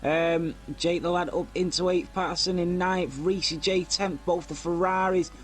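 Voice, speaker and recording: A man's voice: high voice, steady tone, measured pace. A man giving casual live commentary on an online racing league, reading out lap times and chatting with viewers. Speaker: race commentator.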